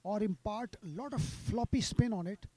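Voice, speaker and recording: A man's voice: high voice, moderate pace, a little mellow, husky, dry recording. A man giving live golf commentary, sympathetic toward the players.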